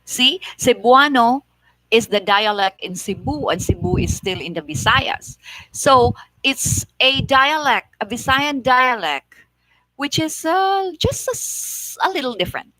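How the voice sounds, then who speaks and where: A woman from Negros Oriental with a Filipino accent, explaining things in a measured, casual way with many repeats. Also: high-pitched, lively intonation, pushed and bright, no room sound, poor audio. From Philippines, Negros Oriental. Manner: slow, measured explaining with frequent "like" and repetitions. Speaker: vlogger.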